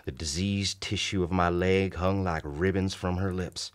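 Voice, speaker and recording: In a radio drama recorded around a shared vintage-style mic on a stand in a small studio, a male actor plays a wounded, gentlemanly soldier recounting his haunted, doomed past. His low, steady voice moves at a measured pace, grave, formal and courteous in an old-fashioned way. Both as narrator and in dialogue, he sounds horrified.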